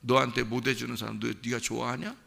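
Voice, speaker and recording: A man's voice: mid-range voice, flat delivery, fast, creaky, sharp tone, full character voice. A male pastor voicing a sly, accusing male devil in his sermon, needling with mocking questions. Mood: taunting.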